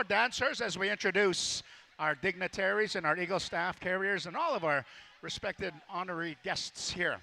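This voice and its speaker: Guy mc'ing a powwow live, jokey, forceful bright voice with some gravel in it. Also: sits high. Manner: jovial, joking. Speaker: powwow master of ceremonies. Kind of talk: live ceremonial announcing.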